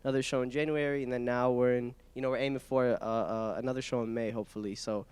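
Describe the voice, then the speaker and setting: A young adult man from Iraq, appearing as a comedian guest, tells casual, slangy stories in an informal, animated way to a small live audience in an indoor event hall. His medium-pitched voice is fast, clear, and resonant, and the handheld microphone picks up the hall's echo.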